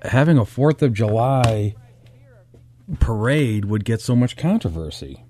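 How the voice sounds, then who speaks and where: A male radio host chatting casually and haltingly, often checking in with "you know" and "right". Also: medium pitch, expressive, mellow. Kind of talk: casual co-hosted radio chat. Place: dry radio studio.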